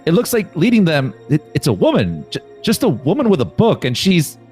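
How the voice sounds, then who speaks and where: A man's voice: brisk, breathy edge, faint music behind, heavily acted. A man playing a stammering, panicked field reporter. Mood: alarmed. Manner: stammering, high and excited. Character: frantic male TV field reporter.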